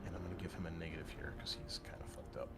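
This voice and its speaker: Over loud music in a very noisy recording, a man with a bass voice talks rapid-fire as he game-masters a tabletop roleplaying session. He improvises action and rulings casually and profanely, thinking out loud.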